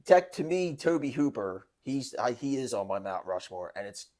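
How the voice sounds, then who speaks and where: A man's voice: medium pitch, big pitch swings, moderate pace, darkish tone. A man hosting a podcast, chatting casually and telling stories in a rambling way, with frequent restarts. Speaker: podcast host.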